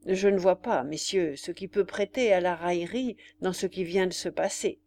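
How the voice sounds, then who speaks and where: A woman's voice: lowish voice, moderate pace, darkish tone, natural voice. A woman reading a storybook, voicing an earnest young male hussar officer who speaks in a reproachful way.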